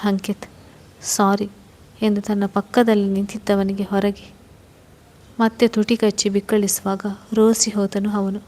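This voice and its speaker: A woman storyteller reading a serial romance story in a measured, emotive way. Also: medium pitch, little pitch movement, mellow. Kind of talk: scripted narration of a serial story.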